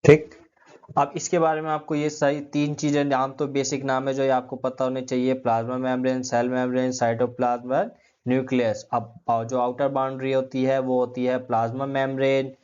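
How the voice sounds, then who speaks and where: A man's voice: medium pitch, darkish tone, clear, resonant tone. Man teaching, quizzing his own class. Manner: asks questions and answers them himself; repeats key terms, uses everyday comparisons. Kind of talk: classroom lecture. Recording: dull lo-fi sound.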